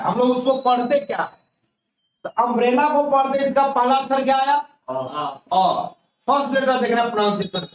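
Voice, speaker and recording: A male grammar teacher giving a colloquial classroom lecture, explaining step by step and asking and answering his own questions. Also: extremely high pitch. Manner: folksy, colloquial teaching style. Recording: echoey, distant, dull lo-fi classroom recording.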